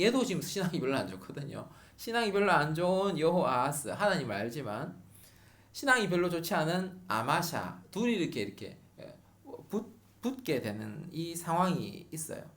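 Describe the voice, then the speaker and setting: Animated pastor preaching. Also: medium pitch. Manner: emphatic, repeats key words for stress. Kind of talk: sermon at a Friday prayer meeting.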